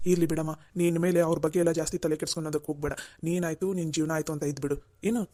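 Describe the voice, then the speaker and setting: A man's voice: on the high side, flat delivery, very fast, warm tone, close to an everyday voice. A man voicing a wealthy, proud and stubborn middle-aged father in a cartoon, switching between indignant and pleading. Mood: reassuring. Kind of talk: Kannada cartoon voice acting.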